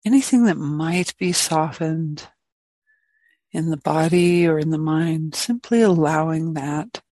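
A woman meditation teacher leads a guided meditation in a low voice, offering gentle, spacious phrases separated by long pauses. There's no room sound.

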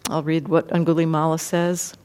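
A woman meditation teacher giving a dharma talk, thoughtful and unhurried, pausing and restarting as she explains. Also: deep voice, little pitch movement, warm tone. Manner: thoughtful, many fillers and restarts. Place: meditation hall.

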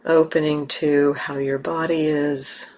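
With a deep voice that barely moves in pitch, a woman teaches a guided meditation, her delivery gentle and unhurried and broken by long pauses.

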